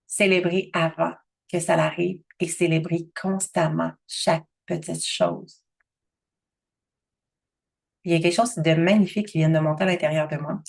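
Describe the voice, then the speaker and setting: Québécois woman, 30s, lower voice, animated motivational coach. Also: vocal fry. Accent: Québécois French. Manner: chatty and animated, acts out her own thoughts in a higher voice. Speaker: abundance coach.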